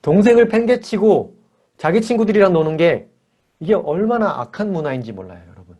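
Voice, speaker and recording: A man teaching a character-training lesson for children and parents at church, lively and acting out little dialogues with kids, speaking over a video call. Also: high-pitched, fairly quick.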